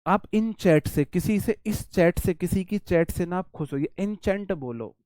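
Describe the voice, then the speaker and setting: A man with an Indian accent teaching a vocabulary lesson for exam students, animated and repetitive, with chatty asides. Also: high-pitched, a little slow, no room sound, clean studio sound.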